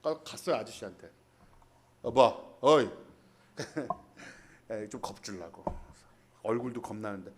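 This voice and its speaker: A man with a lowish, lively voice preaches a casual, jokey storytelling sermon at a church in Hanoi, speaking at normal speed with long pauses. As pastor, he tells stories and acts out the dialogue in different character voices.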